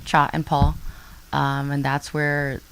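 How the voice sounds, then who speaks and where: A woman from a band chatting in a casual interview, bubbly and jokey and quick to laugh. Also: sits low, completely flat delivery, slight background noise, poor audio. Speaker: band member.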